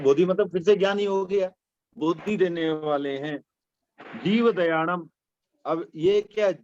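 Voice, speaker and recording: A man's voice: a little high, muffled recording. A man teaching a prayer text line by line, asking and answering his own questions and mixing in English words. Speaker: religion teacher.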